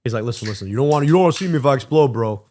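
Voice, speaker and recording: Fast-talking man reacting to clips. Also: medium pitch, slight background noise. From Michigan, US. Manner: animated, emphatic, repeats words when excited. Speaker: stream co-host reacting to clips. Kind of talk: casual reaction commentary.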